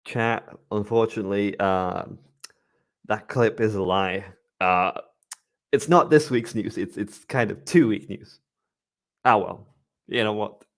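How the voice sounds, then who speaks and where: A man with a lowish voice hosts a relaxed live-stream podcast. He rambles, restarts his sentences and reads out chat messages. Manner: rambling, with many restarts and quick laughs. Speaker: podcast host.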